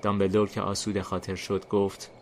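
A man narrating a fantasy story in a steady, deliberate reading style. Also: low-pitched. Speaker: narrator and host. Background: faint music.

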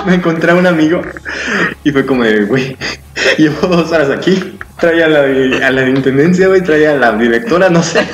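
A man's voice: a little high, moderate pace, pauses often. Laughing Mexican man telling stories. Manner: laughs constantly while telling stories, slangy. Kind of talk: casual chat, comic storytelling. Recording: echoey room with background noise.

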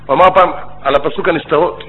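A man who is a rabbi and educator, giving a religious lecture as animated storytelling with rabbinic phrasing. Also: on the high side. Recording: tinny phone-like line with faint noise.

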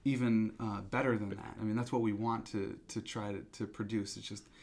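A man speaking as a company representative in a business interview, explaining in a halting, conversational way. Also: fairly low pitch, little pitch movement, darkish tone, slight background noise.

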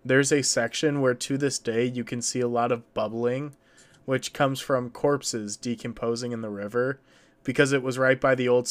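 Chatty, joking male podcast co-host. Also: mid-range voice. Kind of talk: casual history podcast chat.

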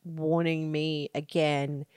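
An Australian woman co-hosting a podcast in animated casual chat, acting out her own thoughts. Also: sits low, slow, clean tone, no room sound, studio quality. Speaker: podcast co-host.

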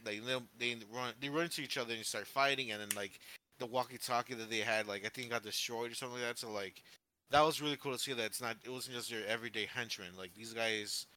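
A man's voice: mid-range voice, sharp tone. A man co-hosting a podcast, chatting casually about a film in a rambling way with many fillers. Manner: rambling, heavy on fillers, laughs often. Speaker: podcast co-host. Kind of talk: casual movie review chat.

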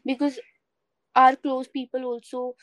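A woman with an Indian accent speaks in a fairly high voice, recorded close and dry. She chats casually and earnestly as a co-host, offering encouragement and mixing in bits of Hindi. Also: flat delivery, a little slow, no echo. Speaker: podcast co-host. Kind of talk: casual reflective chat mixing English and Hindi.

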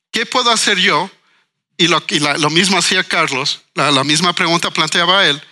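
A man with a high-pitched, sharp voice speaks earnestly in a panel discussion. He's an Ecuadorian writer, educator and cultural manager guest who asks questions and repeats words as he thinks.

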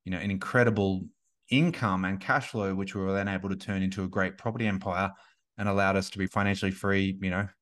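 A man's voice: low-pitched, steady tone, fast talker, a bit bright. A man in his thirties, a podcast guest and business coach, talking casually and rambling with many restarts and fillers. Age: 30s.

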